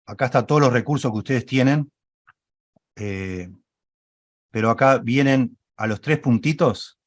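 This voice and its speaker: A man's voice: mid-range voice, no echo. Patient man teaching a class. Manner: patient and explanatory, often checking in with listeners and correcting himself. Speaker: Bible study instructor. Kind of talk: recorded online class with screen demonstration.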